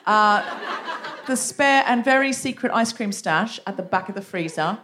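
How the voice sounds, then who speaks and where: A woman hosting a casual comedic chat in a jokey, enthusiastic and expressive manner. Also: mid-range voice, normal speed.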